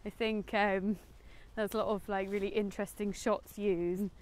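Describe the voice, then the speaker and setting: Strolling through woods and across a golf course, a young British co-host of a film vlog talks casually and without fuss. Her voice is medium-pitched and darkish, moving little in pitch, at a normal pace.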